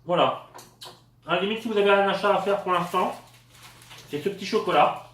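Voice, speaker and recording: A man's voice: high-pitched, a little fast, a bit bright. A man from France reviewing cheap store products in a casual, hesitant way, with lots of fillers. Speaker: product tester. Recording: echoey room, voice a bit far from the mic.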